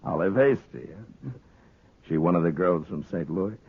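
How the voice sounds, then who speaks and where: A very low, rough-edged American voice on a narrow-band vintage radio recording, a frontier marshal in a western. He is steady, weary of the world and sparing with words, probing in a measured way. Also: exaggerated voice. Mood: calm, probing. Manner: measured, laconic, questioning. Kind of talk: 1950s radio western acting.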